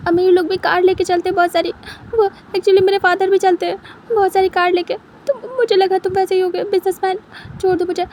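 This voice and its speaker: A woman's voice: very high voice, fairly even intonation, normal speed, a little mellow, a little hiss or hum, voice pushed up. A woman voicing a frightened young man who begs and pleads with his captor. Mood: pleading, panicked. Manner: panicked, begging, breaking into cries.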